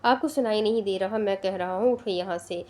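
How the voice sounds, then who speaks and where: A woman's voice: mid-range voice, a little mellow, natural voice. A woman voicing an angry, jealous and possessive young man who talks in a stern, commanding way.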